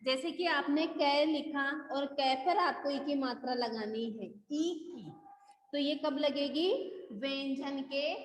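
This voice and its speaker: Slow, high-voiced woman teaching a class. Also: slight background noise. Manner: repeats each question and answers it herself; addresses students fondly as beta. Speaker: school Hindi teacher. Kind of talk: classroom lesson. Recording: echoey room with long reverb.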